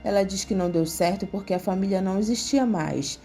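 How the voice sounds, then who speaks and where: A woman with a Brazilian Portuguese accent narrating a soap opera recap in a steady, even reading. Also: mid-range voice, brisk. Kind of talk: scripted narration. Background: faint music.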